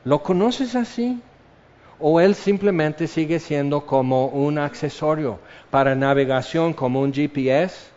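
A man preaching a sermon, slow and measured, repeating key phrases for weight. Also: on the high side, darkish tone. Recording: dull lo-fi sound.

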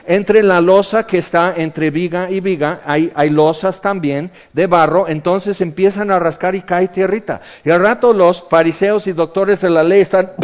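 A man with a Mexican accent delivers a sermon in a high voice, retelling a scene with lively asides and playful voices for the people in it. The recording sounds dull and lo-fi. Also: measured pace. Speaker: preacher.

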